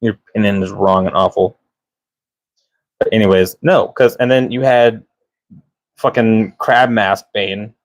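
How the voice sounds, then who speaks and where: A man's voice: on the low side, fairly even intonation, a little slow, long pauses, dry recording, rough recording. A man co-hosting a casual podcast chat, blunt and joking, swearing casually. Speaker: podcast co-host.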